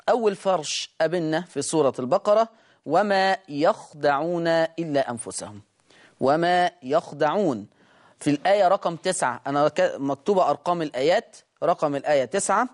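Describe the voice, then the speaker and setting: A Quran recitation teacher with an Egyptian accent, explaining quickly and then slowly drawing out each word to demonstrate how it is read. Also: medium pitch. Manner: brisk explanation, slow drawn-out demonstration of words. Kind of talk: recitation lesson.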